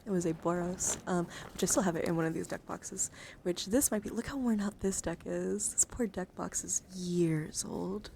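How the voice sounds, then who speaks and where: A woman hosting a livestream from indoors with a handheld camera rambles casually and curses freely while showing off her card collection. She speaks at normal speed in a fairly low, gravelly, dark voice, over a little hiss or hum.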